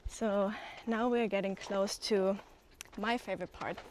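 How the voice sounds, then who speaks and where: A woman community manager chatting casually on a walking tour outdoors, a little out of breath, pausing with ums and laughing easily. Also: mid-range voice, a little hiss or hum. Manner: relaxed, pauses with frequent ums, laughs easily. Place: outdoors on hilly open land.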